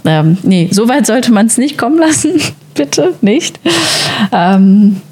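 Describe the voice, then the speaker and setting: A young woman from the Sauerland co-hosting a podcast, telling a story in casual chat with many fillers and quick laughs. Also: fairly high pitch, very animated, mellow, slightly rough. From Sauerland, Germany. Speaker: podcast co-host.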